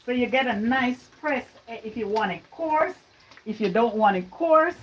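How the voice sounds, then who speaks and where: Chatting with her livestream audience while cooking at home, a woman born in Jamaica speaks at a normal speed in a voice on the high side, keeping it casual. The recording is low quality with slight background noise, and sounds of frying and stirring come through.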